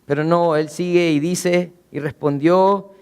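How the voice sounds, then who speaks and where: A man preaching a sermon as pastor, earnestly asking rhetorical questions and slowing down, going low for emphasis. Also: steady tone, darkish tone, smooth, in a large hall. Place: church.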